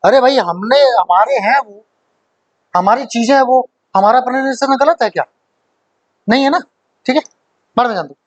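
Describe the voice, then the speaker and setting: Very high-voiced man teaching grammar. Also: no echo. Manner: chatty, joking, full of rhetorical questions and checks like "okay?". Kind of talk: live online class, casual Hinglish teaching.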